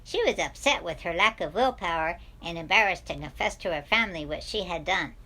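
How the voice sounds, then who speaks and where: A woman voicing an excitable male cartoon duck with a strained, squawky, helium-like voice, reading a text aloud. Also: lowish voice, brisk. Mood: chirpy.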